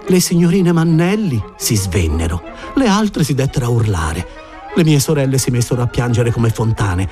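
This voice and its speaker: A man reading a first-person story aloud, expressive and giving voices to the characters. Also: mid-range voice, normal speed, soft background music. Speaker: audiobook reader.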